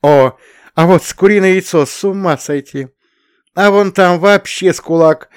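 A man voicing an eager, boastful young male planetologist in an audiobook, higher and louder than his own reading voice. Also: smooth, no room sound, clean studio sound, close to an everyday voice. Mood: excited. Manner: eager, rapid-fire, boastful.

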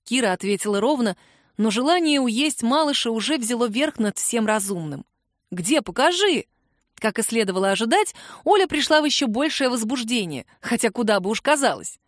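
A woman narrating a novel in an even storytelling voice, giving characters their own voices. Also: fairly high pitch, a little fast, dry recording, studio quality. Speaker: audiobook narrator. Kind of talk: scripted narration.

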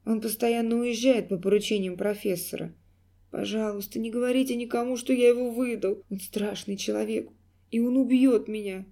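A woman's voice: fairly high pitch, fairly even intonation, moderate pace, warm tone, lightly acted. A woman reading an audiobook, voicing a frightened male dwarf clown who begs and whimpers. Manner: whimpering, begging.

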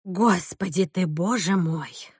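A woman's voice: mid-range voice, expressive, measured pace, dry recording, clean studio sound. A woman voicing a stern older grandmother who speaks in a clipped, firm, lecturing manner in an audiobook. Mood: exasperated. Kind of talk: audiobook character reading.

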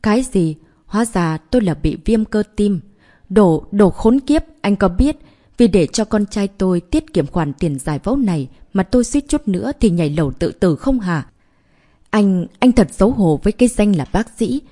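A woman's voice: mid-range voice, lively intonation, moderate pace, warm tone, lightly acted. A woman voicing an elderly, long-suffering woman who has just learned she was cheated, scolding shrilly. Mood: outraged.

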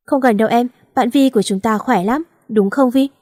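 A woman's voice: a little high, a little fast, darkish tone, close to an everyday voice. A woman voicing a young male teacher who needles and teases his student, with a cocky manner in an audio story. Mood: playful.

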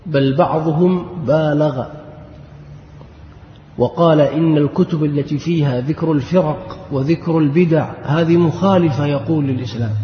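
A man's voice: a little high, a little hiss or hum. A man giving a religious lesson as an Islamic lecturer, speaking fervently and rising to emphatic outbursts. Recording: dull lo-fi recording in an echoey hall.

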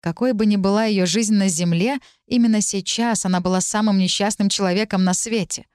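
A woman narrating a novel in the first person, reading calmly and at a measured pace. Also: medium pitch, clean tone, no echo, clean studio sound. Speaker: audiobook narrator.

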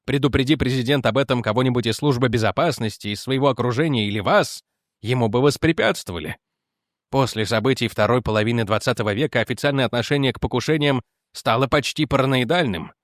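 A man's voice: fast, no echo, clean studio sound, close to an everyday voice. A man reading aloud as a firm, persistent male investigator who presses his argument. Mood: insistent. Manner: firm, pressing, lowered in pitch.

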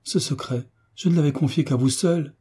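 A man reading as a gentle young woman. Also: lowish voice, normal speed, slightly rough. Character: young poor embroiderer-duchess, gentle and reproachful.

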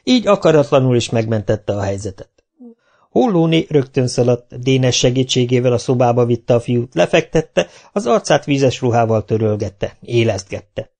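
Guy reading a kids book aloud, calm and even, normal pitch, amateur audiobook. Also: creaky. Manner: calm, even narration with lively character voices. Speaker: audiobook reader. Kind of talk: storybook narration.

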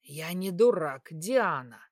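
A woman voicing a brutish male satyr who talks in a crude, mocking, threatening way, lower and louder than her own voice. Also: animated, slow pace, no echo, clean studio sound. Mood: taunting menace. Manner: crude, taunting, hissing.

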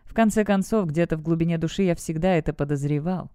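A woman voicing a gruff, commanding noble father in an audiobook. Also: deep voice, fast, warm tone, no room sound, clean studio sound, lightly acted. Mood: stern. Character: stern noble father, a high-ranking guard, gruff. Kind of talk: audiobook character voice.

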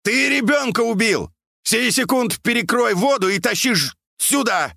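A man voicing a brash young fellow who barks and shouts gruffly. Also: on the low side, sing-song, takes it slowly, dry recording, clean studio sound, exaggerated voice. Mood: angry shouting. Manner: gruff, barking.

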